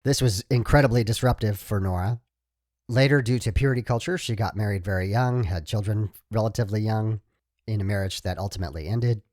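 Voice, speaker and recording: A man hosting a podcast, reading a scripted introduction and announcements in a steady, announcer-like way. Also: on the low side, brisk, no echo, clean studio sound. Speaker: podcast host.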